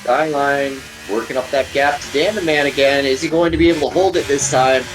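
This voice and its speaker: A man giving live sim racing commentary, excitable and joking, rising to shouts at incidents. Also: mid-range voice, fairly quick, rough recording. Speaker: race commentator.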